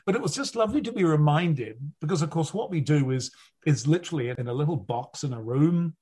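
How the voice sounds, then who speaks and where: In an interview, a sixty-something audiobook narrator spins animated, rambling stories and keeps restarting. His husky voice runs on the high side and moves fairly quickly.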